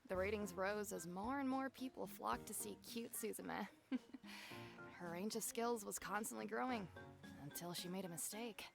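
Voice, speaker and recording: Game VO: actress as a composed, disdainful woman violinist, gravelly edge, mid pitch. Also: music in the background, lightly acted. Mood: wry. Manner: measured storytelling with dry disdain. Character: composed adult female violinist, wry and proud. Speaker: violinist character. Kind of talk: voiced game dialogue.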